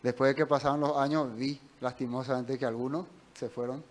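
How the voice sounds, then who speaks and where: A man's voice: medium pitch, fairly even intonation, fairly quick. A male pastor gives a conversational Bible teaching, asking his listeners questions as he goes. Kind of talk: sermon.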